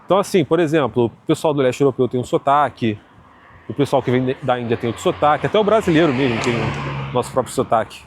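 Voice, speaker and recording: Talking fast over a noisy background, a medium-pitched vlogger from Rio de Janeiro chats casually with his audience in a Carioca accent. His monologue is loose and relaxed, packed with fillers and tag questions.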